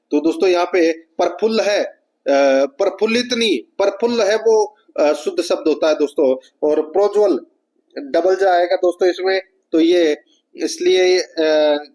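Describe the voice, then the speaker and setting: A man's voice: high voice, darkish tone. A man with a Rajasthani Hindi accent teaching an exam prep lesson, reading out each question and explaining the answer, often calling his viewers friends. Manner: repetitive, keeps addressing viewers as friends.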